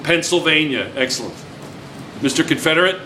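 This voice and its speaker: Animated and fairly quick, a physics teacher with a voice on the high side banters with his class, teasing them and repeating their answers back. The recording comes from a noisy classroom.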